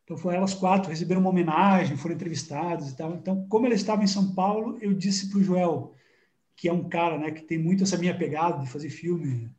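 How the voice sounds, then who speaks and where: Brazilian man, casual guest, high mellow voice, tripping over restarts, echoey room. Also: fast talker. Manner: rambling, repeats words, animated storytelling. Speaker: guest filmmaker. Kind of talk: casual interview chat.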